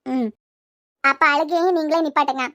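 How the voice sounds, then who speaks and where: A woman voicing a stubborn young wife and mother in a cartoon serial, with a Kanyakumari Tamil accent, talking back in a low, muttering way. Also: normal speed, a bit bright, no echo, studio quality. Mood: sullen.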